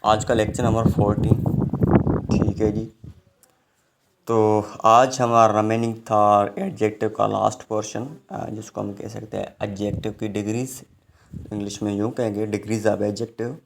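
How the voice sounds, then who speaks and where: A man's voice: on the low side, flat delivery, gravelly, background noise. A man teaching English grammar in a recorded online lecture, explaining step by step and often checking in with his students. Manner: explains slowly, with frequent check-ins.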